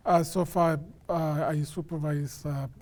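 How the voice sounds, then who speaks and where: A man from Kenya, a police sergeant, speaking in a measured way with many pauses and fillers in an interview. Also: fairly high pitch, steady tone, darkish tone. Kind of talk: casual interview talk.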